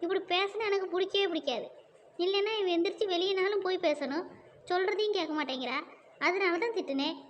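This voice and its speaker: A woman voicing a defiant, sharp-tongued younger sister in a cartoon. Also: extremely high pitch, a little fast, lo-fi sound, slight background noise. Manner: mocking, defiant. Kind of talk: cartoon voice acting.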